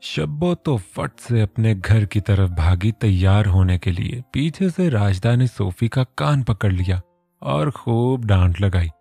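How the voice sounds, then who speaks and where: A man narrating a romance novel in a steady storytelling manner. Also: on the low side, measured pace, creaky, slightly rough, dry recording, faint music behind.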